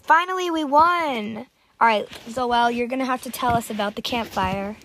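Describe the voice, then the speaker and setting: High-voiced excitable woman gaming. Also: brisk, a little hiss or hum. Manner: excitable, dramatic outbursts. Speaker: gamer. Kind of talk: casual gameplay commentary.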